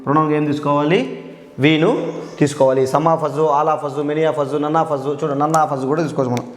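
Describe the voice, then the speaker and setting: A man teaching an English grammar lesson in Telugu. He repeats key words slowly and puts questions to the class. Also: a little high, flat delivery. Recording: echoey room with long reverb.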